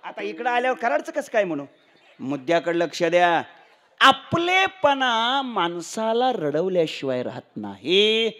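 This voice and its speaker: A high-voiced male preacher from Maharashtra delivers a devotional kirtan sermon. He tells a comic story, acts out each character, and teases his listeners with rhetorical questions. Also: very animated, a little slow, pushed and bright. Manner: humorous, teasing rhetorical questions to the audience.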